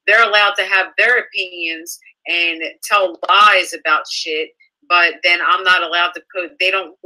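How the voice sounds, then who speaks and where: A young woman with a lowish, sharp voice, on a low-quality recording, reads out online comments and answers them. Her casual rant is indignant, sarcastic, and profane, halting with frequent stumbles and restarts.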